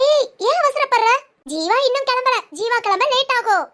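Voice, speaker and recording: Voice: very high-pitched, animated, moderate pace, sharp tone, full character voice. A performer voicing an earnest young woman friend who keeps coaxing with persistent questions.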